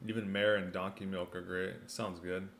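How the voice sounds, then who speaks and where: Man, deep voice, casual livestream host, laid-back slang, talking with food in his mouth, slightly noisy room tone. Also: level tone, normal speed, creaky, fairly bright tone. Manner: talks while eating, mouth sometimes full; laid-back slangy delivery, often saying "man" and "you know". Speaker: livestream host answering viewer questions.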